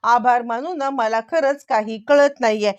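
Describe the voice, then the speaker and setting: A nervous young woman dodging questions in a high, flustered voice, as a woman storyteller puts her on. She sounds evasive and unsettled. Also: moderate pace, clean tone, close to an everyday voice.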